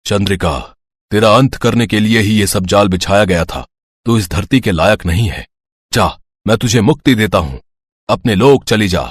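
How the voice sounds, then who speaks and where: A man voicing a very old tantric holy man in an animated story, speaking with solemn warnings. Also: fairly low pitch, moderate pace, breathy edge, no room sound. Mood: stern.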